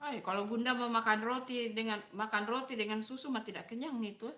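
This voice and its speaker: Her voice is a little high, steady and sharp, and she talks briskly in an echoey room. She is a middle-aged woman with a Makassar Indonesian accent, eating on a live stream while casually chatting, posing questions to viewers and responding to their comments.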